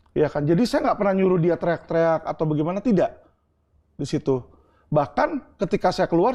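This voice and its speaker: A man's voice: fairly high pitch, dark tone, highs cut off. A middle-aged man from Indonesia in an interview, answering earnestly and explaining with homely examples and asides like "right?". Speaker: interview guest.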